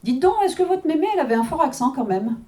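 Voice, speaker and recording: Quick-paced and lively, with a high voice and dark tone, a woman giving a live reading as a medium talks chattily with the crowd. Constant "hein" and "d'accord" check-ins and frequent laughter fill her speech.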